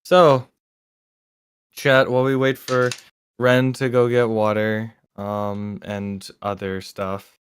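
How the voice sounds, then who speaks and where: A streamer hosting casual chat over a voice call, relaxed and swearing casually. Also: mid-range voice, slow pace, clean tone, no echo. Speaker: streamer host. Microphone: online voice call.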